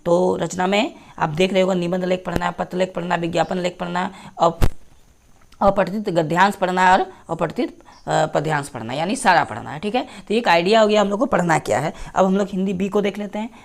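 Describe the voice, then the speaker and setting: A woman's voice: on the low side, fairly quick, creaky. Woman teacher reading a syllabus aloud. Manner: repetitive, checks in with "theek hai". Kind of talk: screen-share syllabus walkthrough.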